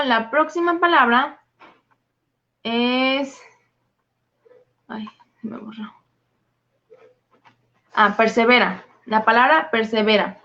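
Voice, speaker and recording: A woman with a fairly high voice leads a Bible study, patiently working through words one definition at a time. The recording sounds dull and lo-fi. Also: fairly bright tone. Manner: methodical, listing definitions. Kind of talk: explaining scripture word meanings.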